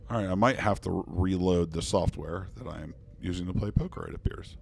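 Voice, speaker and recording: A man streaming online poker live talks briskly in a low, husky, darkish voice with vocal fry, casually thanking his viewers and cracking jokes while playing a starship commander.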